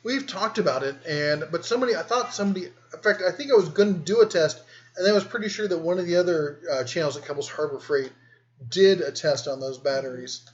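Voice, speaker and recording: A man's voice: fairly high pitch, fast talker, dull audio. Easygoing man reading viewer comments. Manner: easygoing, rambling, reads comments aloud. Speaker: host. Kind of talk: live-stream chat reading viewer comments.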